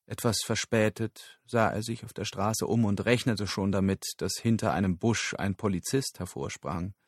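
A man narrating an audiobook in a steady, measured storytelling voice. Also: fairly low pitch, slightly rough, dry recording, clean studio sound.

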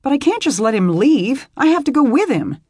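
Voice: high voice, big pitch swings, brisk, darkish tone, breathy edge, dry recording, studio quality, pitched above the performer's own voice, exaggerated voice. A narrator voicing a frightened, headstrong young modern woman in an audiobook. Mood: anxious pleading. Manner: anxious, pleading.

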